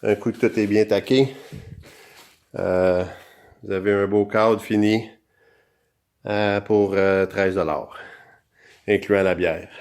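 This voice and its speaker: A man's voice: lowish voice, fairly even intonation, takes it slowly, long pauses, a little mellow. A man with a Québécois accent and an electronically altered voice, chatting casually through a do-it-yourself demonstration as the show's host. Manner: chatty, talks directly to viewers. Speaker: DIY show host. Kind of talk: casual how-to explanation.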